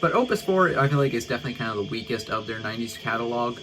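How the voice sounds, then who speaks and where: A man's voice: medium pitch, expressive, very fast, poor audio. A man casually ranking albums on his own channel, talking in a loose, rambling way full of "like" and "uh". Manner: rambling, laid-back, lots of "like" and "uh". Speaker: music reviewer.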